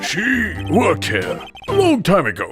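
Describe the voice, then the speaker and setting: Over music, a man with a high voice and huge pitch swings performs a full character voice at a measured pace for a video game fan dub. He plays a pompous, blustering older lawyer who is theatrical, evasive and old-fashioned in phrasing, yet the mood is wistful.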